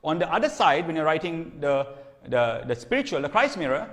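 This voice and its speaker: This preacher speaks a little fast in a fairly high, fairly bright voice with big pitch swings. His sermon teaching is conversational, punctuated by "okay?" to check in and by repeated or restarted phrases, all echoing in a long-reverb hall.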